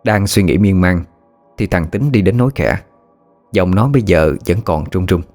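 Deep-voiced male horror story narrator. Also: moderate pace, a little mellow. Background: faint music.

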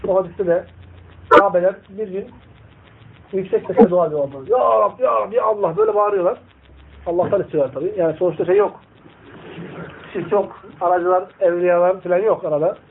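A man teaching a religious lesson to a study group. He recites Arabic slowly, explains it, and asks listeners rhetorical questions. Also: high voice. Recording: tinny phone-like recording with faint noise.

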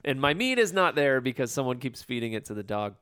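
A man's voice: medium pitch, sing-song, fast, a bit bright. A man in his thirties co-hosting a casual chat, joking and rambling with mock emotion. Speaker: podcast co-host.

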